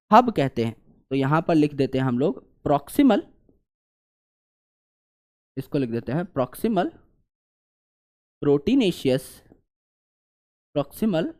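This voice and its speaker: A male biology teacher with a slightly high voice lectures online while drawing a diagram. He repetitively asks questions and answers them himself, getting loud on the questions and dropping to quiet mutters while he draws.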